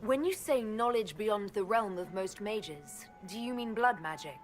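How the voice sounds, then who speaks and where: Woman playing fantasy game heroine, composed leader, direct, measured, medium pitch, faint music behind. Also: lively intonation, close to an everyday voice. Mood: questioning, composed. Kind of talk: fantasy video game dialogue.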